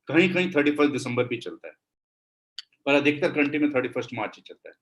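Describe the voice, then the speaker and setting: A man with an Indian accent teaching accounting in a classroom lecture, switching between Hindi and English and slowing down to dictate definitions. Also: mid-range voice, lively intonation, poor audio.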